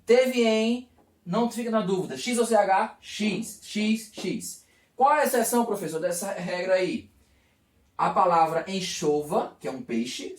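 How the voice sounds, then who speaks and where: A man with a high-pitched, lively voice teaches a video lesson, his tone rising and falling as he goes through each step and often answering his own questions. The recording sounds roomy and echoey, picked up from some distance.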